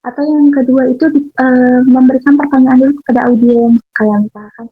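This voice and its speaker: A young woman with a slightly high voice gives public speaking tips to fellow students in a loose, chatty way, often pausing on fillers and restarting. The sound is thin and phone-like, with faint music underneath. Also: steady tone. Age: young adult. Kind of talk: casual instructional talk.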